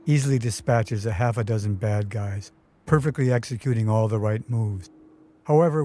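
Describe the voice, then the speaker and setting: A man's voice: medium pitch, dark tone. A man narrating his own memoir story in a vivid, wry storytelling manner. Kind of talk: first-person memoir narration.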